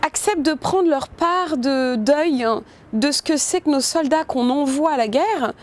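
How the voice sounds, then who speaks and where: Woman director, interview; high voice, informal, thoughtful, hesitant phrasing. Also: unhurried. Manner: thoughtful, many hesitations and restarts; informal, addresses listener with "tu vois". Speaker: film director. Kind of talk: interview about her film.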